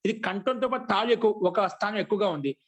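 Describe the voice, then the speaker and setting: A man giving a grammar lesson, asking questions and answering them himself, and slowly chanting rules. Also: sits high, lively intonation. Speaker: Sanskrit grammar teacher. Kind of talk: classroom lecture.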